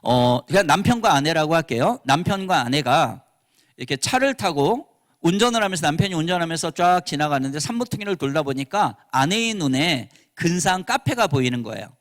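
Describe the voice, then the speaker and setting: Middle-aged guy pastor talking to teachers, high voice, real lively, acts out the lines. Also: a little fast. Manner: animated, acts out quoted dialogue. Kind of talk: lively church lecture. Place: church hall.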